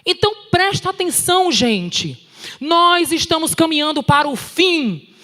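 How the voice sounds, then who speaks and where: A woman with a Brazilian Portuguese accent preaching at a conference in an animated, direct, scolding way, with touches of humor. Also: very high-pitched, a little slow. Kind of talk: sermon. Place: large church hall. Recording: long hall reverb.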